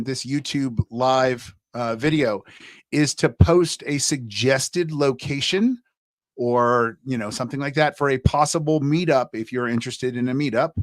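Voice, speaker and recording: Casting: chatty male college instructor on a livestream, mid-pitched voice, dry close mic, rambling and friendly. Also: no echo. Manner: chatty, loose, many fillers and restarts. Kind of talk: casual livestream class talk.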